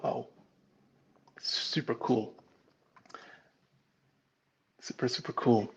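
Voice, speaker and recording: His medium-pitched voice is very slow, creaky and husky, and the lo-fi sound comes from a computer mic on a live stream. He's a French man in his forties with a French accent, casually teaching pastry-making in a webinar. He's warm-hearted and chatty, often restarting with "um"s.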